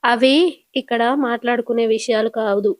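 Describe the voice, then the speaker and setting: Lady doing a shy young wife, soft and bashful, dry close sound. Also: on the high side, fairly even intonation, moderate pace, no room sound, lightly acted. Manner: bashful, gently evasive.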